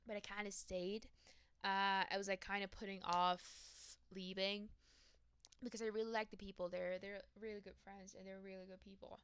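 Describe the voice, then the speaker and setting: Bright, crisp-voiced woman ranting profanely. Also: mid-range voice, level tone, moderate pace. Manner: profane, rambling, self-mocking. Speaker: vlogger. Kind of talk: casual rant.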